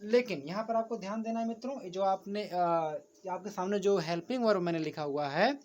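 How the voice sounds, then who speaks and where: A man's voice: high voice, fairly quick, darkish tone. A man teaching a grammar lesson, patiently repeating each point and often addressing his viewers as friends while writing on a board. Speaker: English teacher.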